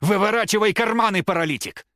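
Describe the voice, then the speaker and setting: A man doing an enraged young thug shouting. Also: high voice, fast talker, no room sound, clean studio sound, pitched above the performer's own voice. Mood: raging. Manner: shouting, swearing, threatening. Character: furious young male addict, violent and foul-mouthed.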